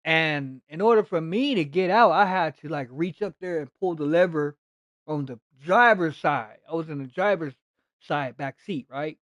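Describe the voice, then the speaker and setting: Male streamer, animated and blunt storyteller, higher voice, dry close mic. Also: normal speed, dry recording. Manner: animated, blunt, heavy swearing. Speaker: gaming streamer. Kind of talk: casual storytelling on a livestream.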